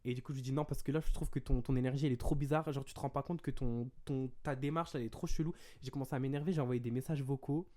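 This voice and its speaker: A young man from France telling a story in a casual, animated vlog style, quoting the people in it. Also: mid-range voice, racing, few pauses. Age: young adult. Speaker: vlogger.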